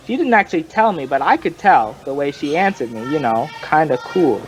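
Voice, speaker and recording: An actor playing a folksy, rambling male informant who tells his story in colloquial, drawn-out fashion, in old-time radio crime drama style. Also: a little high, big pitch swings, low-quality recording.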